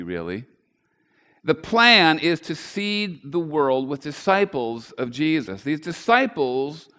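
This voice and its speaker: A man preaches a sermon in a relaxed, conversational way, his pitch moving up and down in a lively manner. He stumbles and restarts often, then lifts his voice and volume to press home the main points. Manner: conversational, with fillers and restarts, swelling louder on key points. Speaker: pastor.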